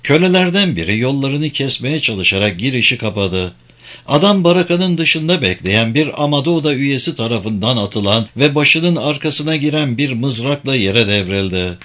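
A man's voice: medium pitch, animated, normal speed, a bit bright. Man narrating an audiobook.

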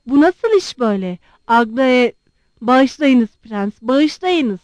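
A fussing older general blusters in loud protest, put on by a woman reader. The recording is dry and close. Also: sits high, lively intonation, slow, no room sound. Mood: flustered.

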